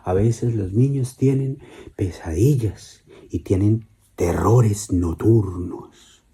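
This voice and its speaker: A man voicing a calm father reassuring his daughters in a bedtime story, speaking softly. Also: on the low side, slow, husky, full character voice. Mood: gentle reassuring. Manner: soft, gentle, often near whisper.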